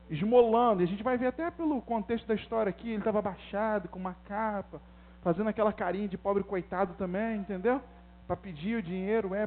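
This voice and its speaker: A male pastor preaches in a high voice, easy and chatty at first, then pressing his points with fervent emphasis. The sound is narrow and phone-like, with a steady electrical hum underneath. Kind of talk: sermon.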